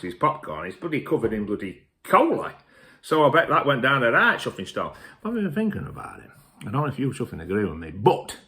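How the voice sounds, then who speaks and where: A man's voice: medium pitch, bright, forceful tone. A man hosting a show in a boisterous, sweary, rambling comic rant to camera. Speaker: host.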